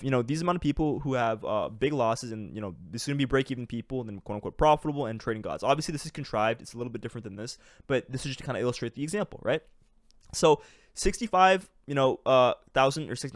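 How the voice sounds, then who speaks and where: A young man talks fast and eagerly, explaining charts in a loose, rambling way. He piles on fillers and restarts and keeps checking in with his listeners. The sound is dry and close, with little room behind him. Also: mid-range voice, no echo. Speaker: trading educator. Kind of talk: casual screen-share explainer.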